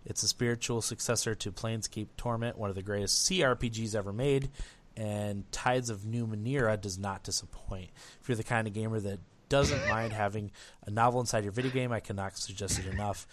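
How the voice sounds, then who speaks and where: A man's voice: on the low side, steady tone, brisk. A man co-hosting a podcast, reading a listener's letter aloud over a remote call whose audio keeps cutting out in dropouts. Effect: online call audio cutting out in dropouts. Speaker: podcast co-host. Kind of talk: casual podcast chat, reading listener mail.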